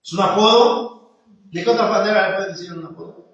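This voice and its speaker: A man's voice: high voice, brisk, fairly bright tone, dull audio. A man preaching a sermon in a conversational way, often calling his congregation brothers. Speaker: pastor. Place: church hall. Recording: echoey church hall, from far off.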